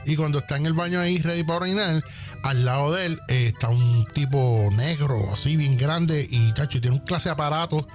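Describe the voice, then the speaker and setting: A man's voice: on the high side, fairly quick, soft background music. A man, a podcast guest telling jokes and acting out dialogue and sound effects. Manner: animated storyteller, acts out dialogue and sound effects. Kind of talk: casual joke telling.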